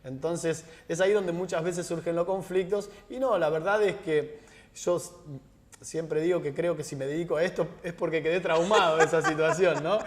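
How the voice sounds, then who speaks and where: A man with a Rioplatense accent, speaking as an interview guest in a fairly high voice. He tells stories with energy and acts out the dialogue. His voice trails off into a long reverb. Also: moderate pace. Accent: Rioplatense Spanish. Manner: animated storyteller, acts out dialogue. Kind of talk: conversational interview.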